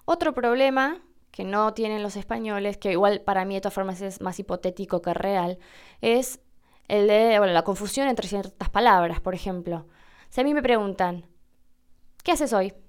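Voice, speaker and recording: A woman hosts a lesson. Her voice is smooth and clean at a middle pitch. She explains patiently with a wry edge. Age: 20s. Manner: patient, wry, with slowed demonstration words. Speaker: Spanish teacher and podcast host.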